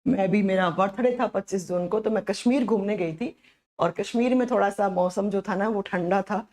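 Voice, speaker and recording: A woman teacher with a sore, hoarse throat, giving a live online science lesson and repeating her questions to the students. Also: mid-range voice, moderate pace, darkish tone.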